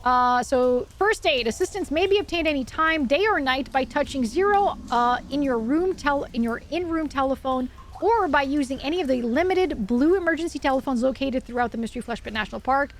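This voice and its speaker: A woman's voice: sits high, lively intonation, fairly quick, hardly any pauses. A woman livestreamer chatting casually and reading aloud with asides, in a cute, bubbly, enthusiastic anime-streamer manner. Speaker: horror livestreamer. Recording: clear background noise.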